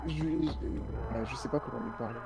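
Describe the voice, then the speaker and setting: A man's voice: mid-range voice, normal speed, creaky, very noisy. A man chatting casually as a player in a tabletop role-playing game. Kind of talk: casual chat.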